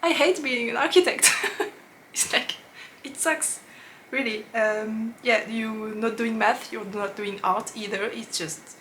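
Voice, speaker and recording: Woman, French accent, French native speaker, knitting podcast host, chatty, laughs a lot, fairly high voice, faint background noise. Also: measured pace, bright, forceful tone. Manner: chatty, laughs often, hesitant fillers. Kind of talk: casual chat to camera.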